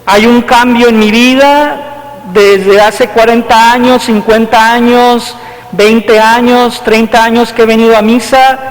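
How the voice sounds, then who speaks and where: High-voiced priest preaching in a hall. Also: male voice, steady tone, measured pace. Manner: conversational, rhetorical questions with frequent "¿verdad?". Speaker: parish priest. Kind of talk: sermon. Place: church. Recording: long church reverb.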